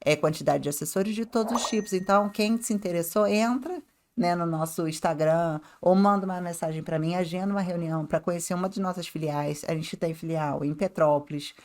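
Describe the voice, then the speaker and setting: This woman speaks fairly quickly in a fairly low, darkish voice, with a Rio de Janeiro Brazilian accent and a slight tongue-tie. As a podcast guest adviser she keeps things casual and chatty, mimicking her clients' remarks.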